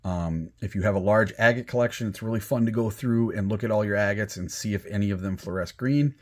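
Fairly quick and on the low side, this American man demonstrates a product in a casual, plain-spoken way, walking through it step by step. He is a product demonstrator and rock hunter, seated at a table in a small indoor room, with background noise clearly audible.

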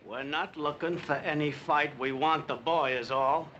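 An actor playing a scheming, menacing posse leader in a TV western, confrontational and calculating. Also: male voice, fairly high pitch, measured pace, pushed and bright. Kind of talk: TV western drama acting. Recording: dull, faintly noisy old soundtrack.

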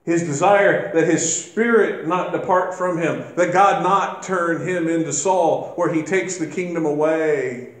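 Slow-preaching minister in an echoey church. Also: male voice, on the high side. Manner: slow, deliberate preaching with emphatic rises when quoting scripture. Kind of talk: sermon. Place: church sanctuary.

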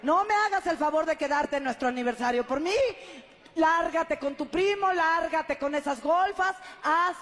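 A woman's voice: high voice, moderate pace, a bit bright. A woman playing a sarcastic, scolding girlfriend in a comedy sketch. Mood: annoyed. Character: angry girlfriend scolding her partner.

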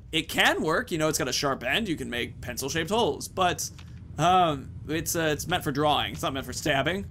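This is a man in his thirties hosting a gaming video, chatting informally and rambling as he plays, with the occasional mild curse. His voice runs a little high and fairly bright, and a little hiss or hum can be heard.

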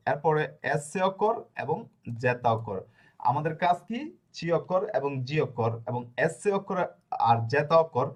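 A man teaching a lesson in a spoken, unscripted way, repeating each point and filling pauses as he thinks aloud. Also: on the high side. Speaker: language teacher.

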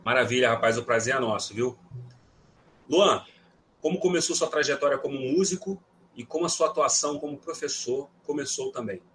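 A man's voice: medium pitch, brisk, fairly bright tone, a little hiss or hum. A man hosting a podcast, reading a formal introduction of his guest and then asking friendly questions. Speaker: podcast host.

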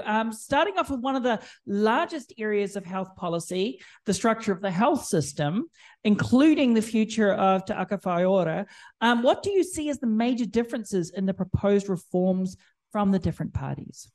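A woman in her forties with a husky, throaty voice from a chest cold, moderating a panel in a hesitant, self-deprecating way. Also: medium pitch, lively intonation, moderate pace, a little mellow. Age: 40s.

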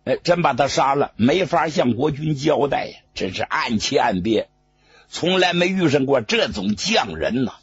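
A storyteller voicing an arrogant, hot-tempered male court envoy, with a raspy voice and a scolding manner. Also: medium pitch, lively intonation, moderate pace, no room sound. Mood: indignant. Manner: blustering, scolding. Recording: dull lo-fi recording.

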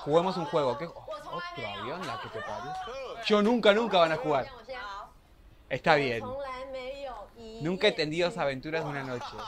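A man's voice: on the high side, lively intonation, normal speed, pauses often. A man with an Argentine accent reacts to a TV episode and reads its subtitles aloud, with gushing exclamations and giggles. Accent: Rioplatense Argentine Spanish. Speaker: reaction video host. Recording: show audio with crowd noise underneath.

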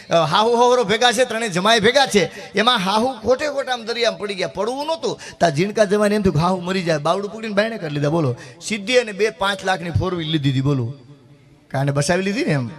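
A middle-aged man, telling rustic folk jokes on stage and switching quickly into the voices of his characters. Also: sits high, fairly bright tone. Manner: rapid rustic joke-telling with dialogue voices. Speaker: folk comedian. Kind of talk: stage folk humor storytelling.

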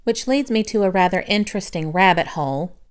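A woman vlogger giving a reflective voiceover about her week, soft, confiding and unhurried. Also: mid-range voice, expressive, clear, resonant tone. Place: home, recorded as a voiceover.

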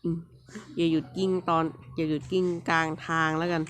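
A man's voice: fairly high pitch, level tone, fairly quick, fairly bright tone. A man giving casual let's-play commentary on a platform game, playful, teasing and scolding the game characters with frequent little exclamations.

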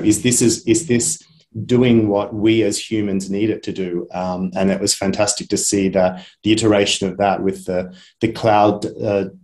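A man's voice: lowish voice, darkish tone. A man presenting in an online webinar, talking in a chatty way with frequent ums and restarts. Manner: chatty, hesitant with many ums. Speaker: head of a media academy. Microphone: video call.

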